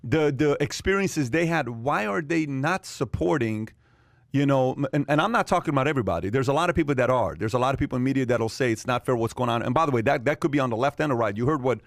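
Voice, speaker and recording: A man's voice: mid-range voice, fast, no room sound, studio quality. A man hosting a podcast, asking pointed questions in an emphatic, conversational way. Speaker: podcast host. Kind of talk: casual podcast talk.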